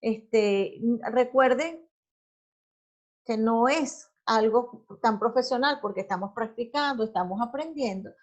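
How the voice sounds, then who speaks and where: A woman delivers a recorded lesson in a slightly high voice. She explains step by step, pausing on fillers and asking "ok?" to check that her students follow. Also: highs cut off. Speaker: teacher. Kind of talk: recorded class lecture on public speaking.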